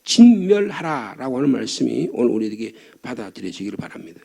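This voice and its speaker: A man's voice: medium pitch, very animated, brisk, vocal fry, warm tone, husky. An older man preaching a fervent dawn sermon as pastor, asking the congregation questions and repeating key points. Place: church sanctuary.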